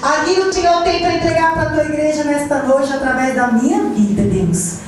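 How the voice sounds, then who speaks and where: A woman pastor from Ceará, Brazil, preaches a fervent Pentecostal sermon in Cearense Portuguese, leading call-and-response and drifting into sung phrases. Her voice sits high and runs fairly quick, recorded from far off in an echoey, large church hall with slight background noise, music and the congregation.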